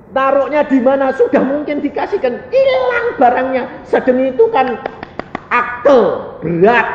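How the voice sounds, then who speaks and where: Animated Javanese-accented preacher in echoey hall. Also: male voice, extremely high pitch. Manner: animated storytelling, playful. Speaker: evangelist. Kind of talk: sermon. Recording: echoey hall, slightly dull, faint noise.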